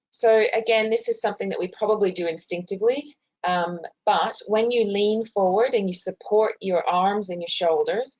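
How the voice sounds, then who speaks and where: A woman's voice: mid-range voice, a little mellow. An Australian woman giving an informal instructional webinar from a hospital, explaining in a conversational way with some hesitant self-corrections, as a health educator. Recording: muffled, dull webinar audio.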